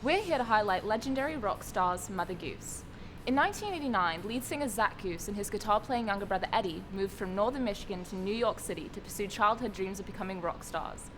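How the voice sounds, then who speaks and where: A woman's voice: medium pitch, brisk, hardly any pauses, background noise. A woman giving formal, scripted documentary-style narration. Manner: formal, announcer-like. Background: music.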